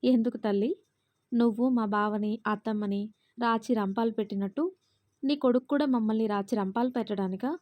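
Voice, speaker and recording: A woman's voice: a little high, fairly even intonation, brisk, dry recording, lo-fi sound, lightly acted. A woman voicing a caring young husband in a storybook reading, soothing and reassuring. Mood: teasing. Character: caring young husband, teasing yet steady.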